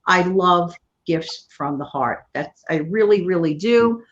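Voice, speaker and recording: A woman's voice: on the low side, animated, slow pace, lo-fi sound. Chatty New York woman hosting a livestream. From New York City. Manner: chatty, warm thanks to viewers and co-host. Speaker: channel host. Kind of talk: casual livestream chat.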